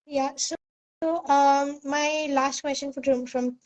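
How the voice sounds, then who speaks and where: A woman's voice: high voice, level tone, slow pace. A woman hosting a casual live question-and-answer session, reading out questions for a guest. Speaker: host taking audience questions.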